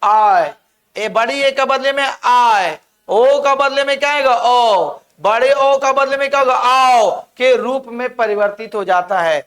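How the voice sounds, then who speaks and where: A man lectures on grammar with a strikingly high-pitched, bright and forceful voice. He walks through each example piece by piece, checking understanding with frequent questions to the students. His delivery is that of an experienced classroom teacher. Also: measured pace. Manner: explains step by step, keeps asking the class questions.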